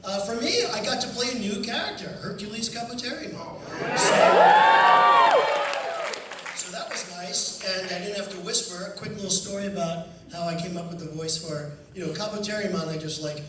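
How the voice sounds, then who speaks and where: A man's voice: high-pitched, normal speed, a loud crowd. A man who is a voice actor answering fan questions at a convention panel, joking and self-deprecating. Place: large convention hall. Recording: echoey hall, distant camera mic, noisy.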